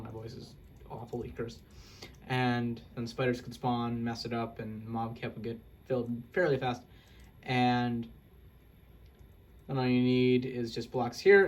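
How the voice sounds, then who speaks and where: This young man, a Minecraft video creator, rambles through a casual walkthrough of his build, correcting himself and joking at his own expense. His voice sits at medium pitch, with slight background noise.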